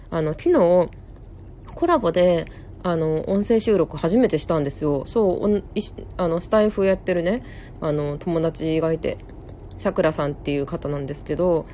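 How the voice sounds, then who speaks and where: A young woman with a Kansai accent chats through a casual live stream. Her voice sits on the low side and sounds warm and mellow. She talks in a rambling way, with plenty of fillers and quick self-corrections. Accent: Kansai Japanese. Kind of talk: casual live-stream chat reading viewer comments.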